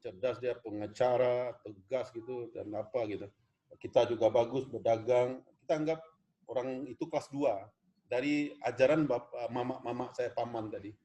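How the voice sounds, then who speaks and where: A man from West Sumatra, Indonesia, lectures an online class over a video call, earnest and rambling, often calling his students "Pak." His mid-range voice is warm, with fairly even intonation and a moderate pace.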